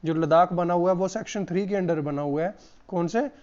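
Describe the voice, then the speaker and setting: Man, hoarse, exam-prep lesson, repeats answers, dull lo-fi sound. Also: sits high, brisk, a little mellow. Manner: repeats each answer, addresses viewers as friends. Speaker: exam coach.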